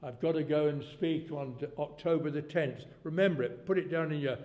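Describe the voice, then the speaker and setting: A man's voice: on the high side, a little fast, narrow, tinny audio. A man in his eighties preaching a sermon in a rambling, folksy way, his volume rising suddenly to make a point. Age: 80s. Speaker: pastor. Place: church hall. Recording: long church reverb.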